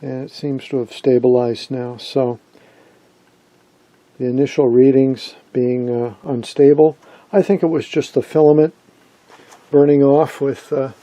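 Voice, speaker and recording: A middle-aged man, a vintage radio hobbyist presenter, talks through a hands-on demonstration off camera at a workshop workbench indoors, casual and matter-of-fact. His warm mid-range voice is steady and a little slow with frequent pauses, and the dry recording has its highs cut off.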